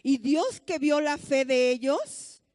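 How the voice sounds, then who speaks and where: A woman's voice: sits high, animated, slow pace, darkish tone. A woman pastor with a Mexican accent, giving a conversational sermon full of stories and rhetorical questions.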